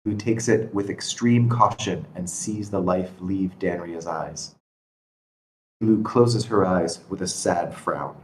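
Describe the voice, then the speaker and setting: At a screenplay table read, a man narrates the scripted stage directions in a low voice at a slightly slow pace. The audio is poor, with constant background noise.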